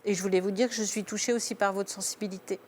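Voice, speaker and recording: Gentle reflective woman offering counsel. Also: mid-range voice, fairly even intonation, fast talker, a little hiss or hum. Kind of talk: therapeutic commentary.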